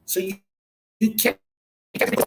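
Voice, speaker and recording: A man arguing in a casual boxing debate over an online call that keeps breaking up and cutting his voice in and out. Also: normal speed. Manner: argumentative, interrupting. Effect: choppy online call breaking up, voice cutting in and out. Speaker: panelist on a boxing talk stream. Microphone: remote call audio.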